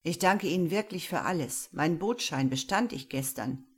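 A woman's voice: lowish voice, expressive, moderate pace, husky. A woman reading the lines of a smug male chauffeur turned scheming manager in a crime story.

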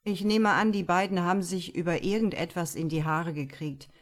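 A gruff, cynical male police detective, as a woman reader puts him on in a crime audiobook. He drops sour, sarcastic remarks in a low-set voice. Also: fairly even intonation, moderate pace, natural voice. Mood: sober.

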